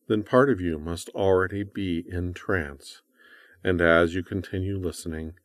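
A man's voice: sits low, no echo. A man giving a guided hypnosis induction in a soothing, coaxing, repetitive manner, speaking close to the mic.

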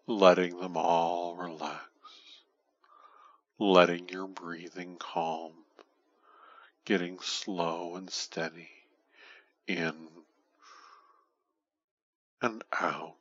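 A man guiding hypnosis in a soothing, breathy, hushed voice right by your ear, slowly and often trailing into a whisper. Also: sits low, dull audio. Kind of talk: guided hypnosis, soft ASMR-like delivery.

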